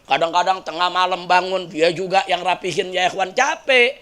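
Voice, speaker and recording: A man preaching a sermon, telling lively stories with jokes and questions to the audience. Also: high voice, moderate pace.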